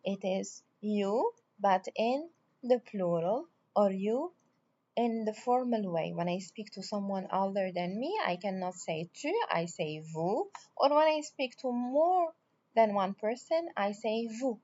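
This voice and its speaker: A woman French teacher speaking English and French, slowly drilling pronouns and verbs with patient repetition and frequent praise. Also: medium pitch, expressive, mellow. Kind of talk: classroom grammar lesson in English and French. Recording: slightly dull lo-fi audio.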